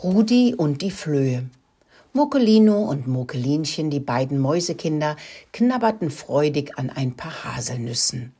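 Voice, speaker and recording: An older woman narrating a children's story in a gentle, friendly way. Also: deep voice, sing-song, normal speed.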